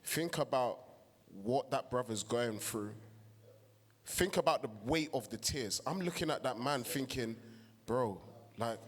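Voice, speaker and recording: A man's voice: medium pitch, expressive, big-room sound. A man in a heated but casual discussion who speaks passionately and calls the others bro. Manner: passionate, talks fast and says bro. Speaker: panel member.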